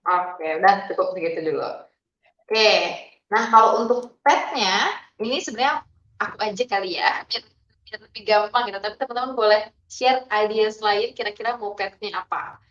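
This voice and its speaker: A woman's voice: mid-range voice, moderate pace, a bit bright, roomy sound, muffled recording. A woman leading a live online marketing class, prompting students for ideas and moving through the lesson. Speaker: class instructor.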